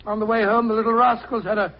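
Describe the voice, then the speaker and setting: An actor playing a genial, elderly English doctor who tells stories in a bumbling, hesitant way, in old-time radio style. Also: male voice, high-pitched, little pitch movement, quick pace, natural voice. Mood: jovial, fussing. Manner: bumbling, hesitant, repeating himself. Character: genial elderly Doctor Watson, an affable flustered English storyteller. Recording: muffled old radio recording.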